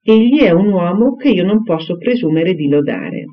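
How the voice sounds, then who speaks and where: An eager, charming young gentleman from a classic novel speaks with earnest warmth, as a man reads him aloud. The voice sits fairly high and moves up and down with lively inflection. The recording sounds dull and a little muffled. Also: normal speed. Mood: effusive.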